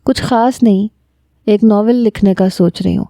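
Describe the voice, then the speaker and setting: A woman reading the lines of a calm, level-headed young woman who speaks with composure. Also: medium pitch, no echo, clean studio sound, natural voice. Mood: composed.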